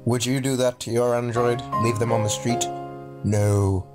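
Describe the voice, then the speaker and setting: A man narrates a visual novel aloud for a let's play, reading dramatically and slipping in casual jokes as game music plays behind him. His medium-pitched voice is unhurried, with a flat delivery.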